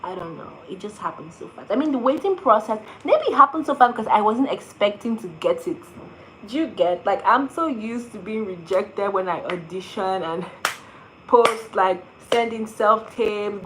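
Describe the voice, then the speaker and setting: A young actress answers questions in a casual vlog. Her voice sits at an ordinary middle pitch, and she talks in a chatty, animated way full of fillers. A faint hiss runs under the recording. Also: poor audio.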